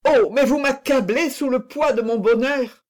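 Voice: medium pitch, animated, a little slow, a little mellow, close to an everyday voice. A reader voicing a nobleman torn by love, speaking in a breathless, exclamatory way. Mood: overwhelmed.

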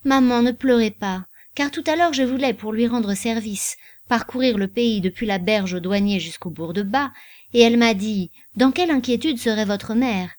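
A woman's voice: fairly high pitch, normal speed, a little mellow, no room sound, clean studio sound, lightly acted. A woman reading the part of an earnest, passionate young male nobleman in an audiobook.

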